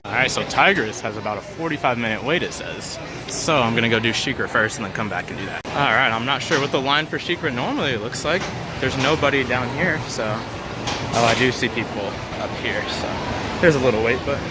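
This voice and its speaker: Guy doing a casual park vlog, average pitch, kinda thinking out loud, music blaring in the background. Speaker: theme park vlogger. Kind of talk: casual vlog chat to camera. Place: outdoors in a theme park. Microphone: handheld camera at arm's length. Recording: loud music and outdoor park noise behind.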